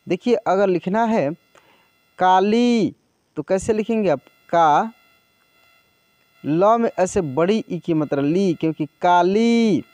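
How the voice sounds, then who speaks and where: A man teaching Hindi reading, saying each word twice in a drawn-out way and then explaining in quick chatty asides. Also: high-pitched, darkish tone, dry recording.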